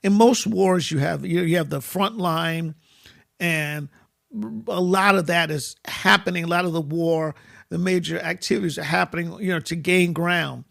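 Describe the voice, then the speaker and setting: Host: man, high pitch, heavy gravelly fry, measured and reflective questions. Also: fairly bright tone. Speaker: interview host. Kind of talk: conversational interview.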